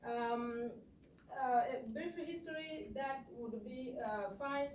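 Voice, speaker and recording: A woman's voice: high voice, slow, darkish tone, a little hiss or hum. A woman from Uganda with a Ugandan accent, giving an earnest, emphatic conference presentation with rhetorical questions to the audience. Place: lecture hall. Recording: echoey hall, far off.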